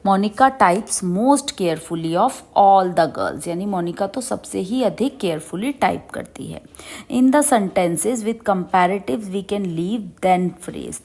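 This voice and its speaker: A woman teaching a grammar lesson. She reads English word lists slowly, then explains quickly in Hindi. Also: fairly low pitch, darkish tone. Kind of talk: grammar lesson reading out examples.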